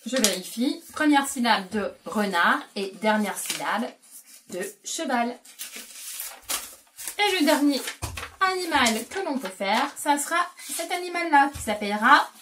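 A woman's voice: sits high, expressive, unhurried, recorded from a distance, background noise. A woman educator explains a syllable game to parents and plays it patiently with a young child, praising often. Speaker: educator presenting a learning game.

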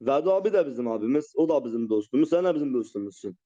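Fast-talking man pleading for calm. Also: medium pitch, a crowd in the background. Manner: calming, pleading, repeatedly urging calm. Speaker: livestreamer. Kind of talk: live-stream chat. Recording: muffled lo-fi stream audio.

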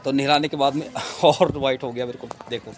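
A man's voice: medium pitch, steady tone, brisk, soft background music. A man vlogging with his dogs on a rooftop, teasing them playfully and chatting casually to viewers on a handheld phone. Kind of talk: casual pet vlog. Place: rooftop, outdoors.

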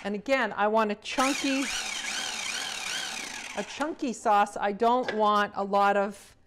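A woman's voice: mid-range voice, slow pace, background noise. Middle-aged woman chef demonstrating recipes. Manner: relaxed, enthusiastic, with fillers. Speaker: cruise line executive chef. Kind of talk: cooking demonstration. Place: large home kitchen.

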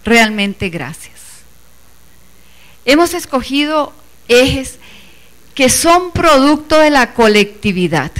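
Lady on the committee, earnest public speech to a meeting, bit high voice. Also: big pitch swings, takes it slowly, pauses often. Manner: earnest, emphatic, addresses the audience inclusively. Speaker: organizing committee member presenting to a teachers' assembly.

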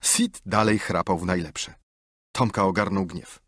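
A man narrating an audiobook with expressive, lively storytelling. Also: low-pitched, measured pace, dry recording, studio quality. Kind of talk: scripted narration.

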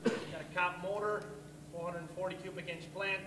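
High-voiced, deadpan Elwood Blues, played by a man. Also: fairly quick, lightly acted. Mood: pitching. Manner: matter-of-fact salesman-like patter. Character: deadpan, coaxing adult blues musician brother. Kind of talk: amateur stage play acting. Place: theatre stage, camera far off. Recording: distant echoey hall, clear noise.

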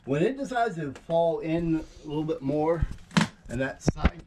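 Lively man touring his rural land. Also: on the high side, a little slow. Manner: rambling, animated storytelling with laughs. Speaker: landowner giving a tour. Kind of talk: casual chat. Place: outdoors in woods and an old barn. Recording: loud outdoor noise.

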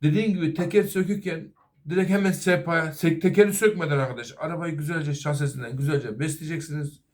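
A man's voice: on the high side, fast talker, darkish tone. A middle-aged man, a master auto mechanic, giving an earnest safety talk to fellow workers and apprentices. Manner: earnest, advising, repeatedly addressing "arkadaşlar".

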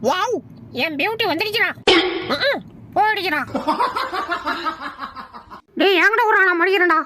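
A comedy pet video narrator dubs the funny inner thoughts of pets, playful, teasing and chatty. Her voice is very high-pitched at a moderate pace, with crowd noise behind.

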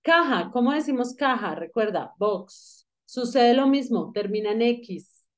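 Woman, English teacher, slow-paced, patient, questioning, grammar lesson. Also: fairly high pitch, animated. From Colombia. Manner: patient, explains slowly with questions to the student.

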